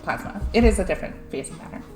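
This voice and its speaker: A woman's voice: medium pitch, animated, rapid-fire. Young woman, streamer, casual science talk, giggly, filler words, echoey room, faint music.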